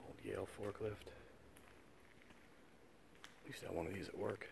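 A man exploring an abandoned mill, keeping his voice down to short hushed remarks recorded on the camera's own mic. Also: low voice, fairly even intonation, moderate pace, creaky. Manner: hushed, half-whispered remarks while exploring. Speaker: urban explorer host. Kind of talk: quiet walking commentary. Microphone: handheld camera without its mic. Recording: quiet camera audio with background noise.

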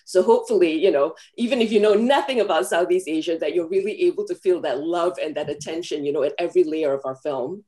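Woman, from Malaysia, screenwriter, low warm voice, earnest, video call. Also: fast talker, few pauses. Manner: earnest, thoughtful, many fillers. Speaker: film screenwriter. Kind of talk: press junket answer. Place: home room, video call.

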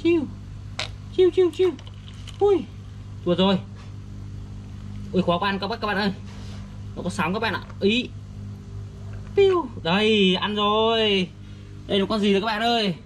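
This man, who makes videos for young children, speaks with a northern Vietnamese accent in a casual, child-directed show-and-tell beside an outdoor garden fish pond, keeping his words simple and repetitive as if for a toddler. His voice is high and a bit bright, with fairly even intonation, a moderate pace, and long pauses. The audio is poor, with a little hiss or hum.

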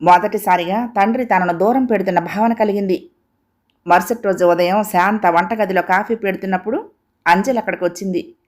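A woman reading a family story aloud as an audiobook narrator, calm and even. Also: medium pitch, fairly quick.

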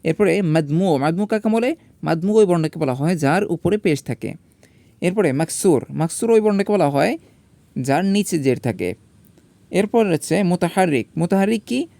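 A man's voice: a little high, vocal fry, warm tone, no room sound. A man teaching a grammar lesson. He spells out letters and vowel marks one by one, then asks his own questions and answers them himself.

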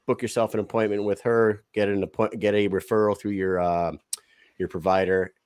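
A man's voice: lowish voice, level tone, brisk, darkish tone, clear, resonant tone, no echo, studio quality. A young man hosting a podcast, brashly reading sponsor plugs and hyping his guest in casual talk. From Boston area. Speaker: podcast host. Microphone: studio mic on arm, headphones.

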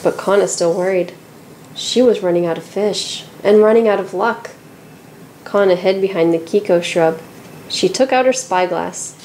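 A woman reading a children's picture book aloud, telling the story in a lively and expressive way. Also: mid-range voice, moderate pace, a little hiss or hum, poor audio. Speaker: storybook reader.

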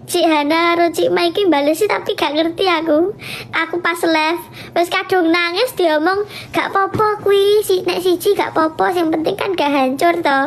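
A young woman with a Javanese accent, chatting casually on a livestream and telling a story with animated laughs. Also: very high-pitched, a little hiss or hum. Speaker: livestream host.

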